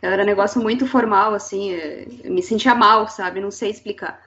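A woman's voice: mid-range voice, steady tone, brisk, a bit bright. A woman in a casual chat, talking candidly about how she felt. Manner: candid, tells feelings. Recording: dull lo-fi audio.

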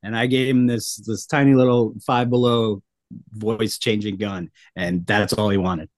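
A man's voice: fairly low pitch, steady tone, a little slow, no echo. Laid-back man telling stories. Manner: laid-back storytelling with hesitations. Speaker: podcast co-host. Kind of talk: casual chat.

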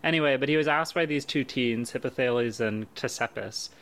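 A young man co-hosting a casual podcast. He talks in halting bursts, full of fillers and restarts, and he laughs often. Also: medium pitch, fairly bright tone. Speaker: podcast co-host. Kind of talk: casual chat.

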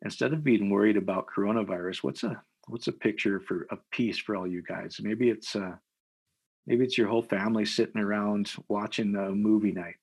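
Pastor, man from Iowa, low husky voice, preacherly and repetitive. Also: a little fast. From Iowa, USA. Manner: energetic, preacherly, repeats phrases for emphasis. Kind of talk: podcast interview, leading a prayer.

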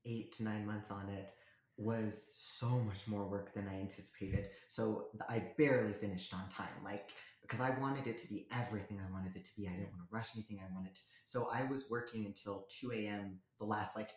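A woman's voice: a bass voice, darkish tone, echoey room. A woman author, a guest on a podcast, chatting enthusiastically. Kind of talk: casual chat.

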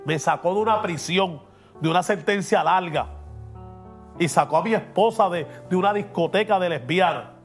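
Pastor for a preaching podcast, high voice, emphatic, faint music underneath. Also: male voice, normal speed. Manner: emphatic and preachy, drops English words in. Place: podcast studio.

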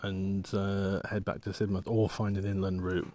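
Brief: low-pitched man, relaxed vlog chatter, halting and rambling, trails off mid-thought. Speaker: walking vlogger and artist. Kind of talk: casual rambling monologue.

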